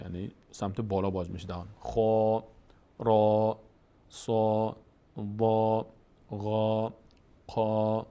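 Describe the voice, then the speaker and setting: Man, Tajik accent, calm recitation teacher, middle voice, repeats and stretches sounds. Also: medium pitch. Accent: Tajik-accented Persian. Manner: patient, repeats letters and drawn-out sounds for practice. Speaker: Quran reading teacher. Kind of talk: step-by-step recitation lesson.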